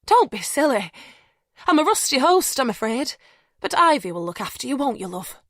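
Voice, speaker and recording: A woman voicing a fragile gentle mother. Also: sits high, very animated, normal speed, no echo, clean studio sound, voice pushed up. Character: fragile mother in her forties, gentle, nervous.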